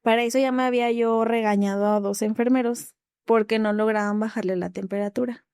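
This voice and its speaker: A woman's voice: on the high side, fairly even intonation, a little fast, darkish tone, clear, resonant tone, no room sound, studio quality. A young Mexican woman retelling a hard episode, acting out the dialogue and laughing between lines. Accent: Mexican Spanish. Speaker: interview guest. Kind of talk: candid storytelling.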